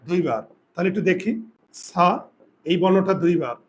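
A male teacher giving a grammar lesson, asking his students questions and slowly repeating words for them. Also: high voice, lively intonation, mellow. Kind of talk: classroom lesson.

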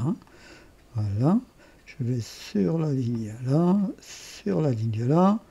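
Slow, husky Alsatian man explaining software. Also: a little high. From Alsace. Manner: thinking aloud, self-correcting, chatty asides. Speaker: software tutorial host. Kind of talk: screen-recorded software tutorial.

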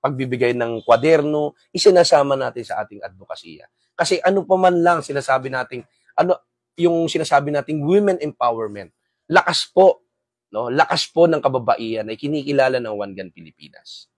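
A man's voice: mid-range voice, lively intonation, a little fast, no echo. A man hosts a live-stream talk for gun owners, earnestly preaching to his viewers and often checking in with tag questions. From Samar, Philippines.

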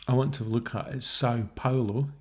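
Speaking at a normal pace in a mid-range voice with a steady tone, this video creator narrates his screen-share as he takes apart a theory. His commentary is casual, and he thinks aloud over the figures while mocking the idea with scornful remarks.

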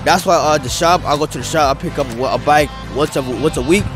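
This wheelie rider, a young man, sounds on the high side and talks a little fast. Being interviewed on a grassy field by a city skyline, he rambles loosely with heavy slang and lots of "bro" and "dude" into the interviewer's handheld mic, with music running beneath him.

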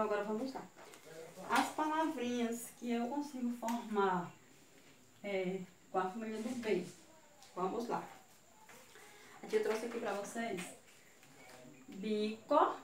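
Woman teacher, Brazilian Portuguese accent, slow syllable-by-syllable teaching, echoey room, distant mic. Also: a little high. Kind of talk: children's video lesson. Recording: echoey room, voice from far off, faint hiss.

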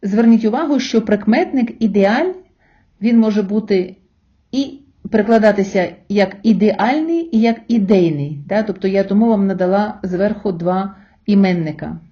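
A woman teacher giving a recorded language lesson, explaining slowly and patiently and pausing so learners can repeat after her. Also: mid-range voice, lively intonation, dark tone, muffled recording. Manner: slow, patient explaining with pauses for repetition. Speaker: Spanish teacher.

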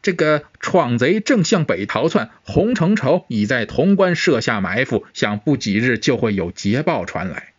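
A man reading a comic-book story voices a cautious, eloquent war minister who speaks in a measured, formal and deferential way. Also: medium pitch, very animated, husky, dry recording. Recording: dull, muffled sound.

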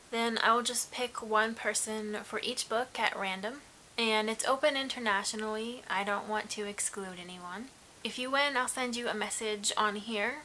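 Chatty woman with a bright voice. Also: medium pitch, low-quality recording. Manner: chatty and upbeat, with frequent "really". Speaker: book vlogger. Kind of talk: casual book review and giveaway. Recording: faint hiss.

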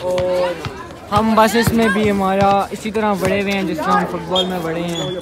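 An excitable young man with a high voice narrates a school sports event for his vlog. His voice is slightly strained. Loud music and a roaring crowd fill the outdoor ground behind him. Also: moderate pace. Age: teens to young adult. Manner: excited, joking with friends. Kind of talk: casual vlog commentary.

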